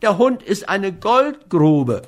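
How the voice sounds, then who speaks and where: A man's voice: high-pitched, sing-song, takes it slowly, pitched above the performer's own voice, full character voice. A man reading an audiobook, voicing a cowardly, whining man who sulks and grumbles. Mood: whiny. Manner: whining, fearful, grudging. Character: whiny cowardly man, sullen dog owner. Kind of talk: audiobook character voice.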